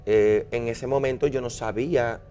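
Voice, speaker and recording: A man's voice: mid-range voice, steady tone, dark tone, soft background music. Earnest Puerto Rican man giving testimony. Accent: Puerto Rican Spanish. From Puerto Rico. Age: young adult. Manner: earnest, halting with frequent restarts. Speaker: interview guest, young minister. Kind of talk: personal testimony interview.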